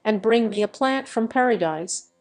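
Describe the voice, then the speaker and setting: A woman's voice: a little high, animated, normal speed, darkish tone, soft background music. A woman voicing an earnest, devoted son speaking in archaic words.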